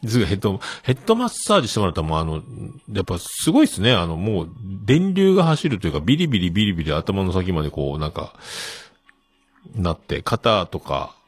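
A man's voice: sits low, very animated, quick pace, breathy edge, dry recording. A middle-aged man hosting a show, rambling casually with many fillers and chuckling at himself. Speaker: show host. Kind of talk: casual solo talk.

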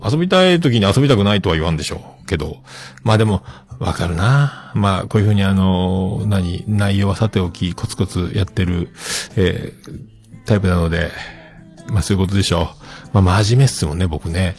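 A man's voice: sits low, brisk, darkish tone, faint music behind. A man hosting a show, chatting casually on his own in a rambling, self-joking way. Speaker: host. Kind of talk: casual solo chat.

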